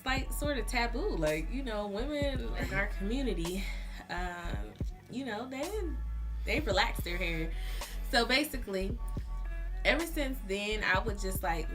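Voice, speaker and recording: A young woman in her twenties talks through a couples Q&A in an easy, earnest way, sprinkling in "like" and "um" as she thinks aloud. Her pitch sits in a middle register for a woman. A faint bit of music plays underneath. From Ohio, US. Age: 20s. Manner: chatty, earnest, many "like" and "um" fillers. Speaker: vlogger. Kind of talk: casual couple Q&A chat.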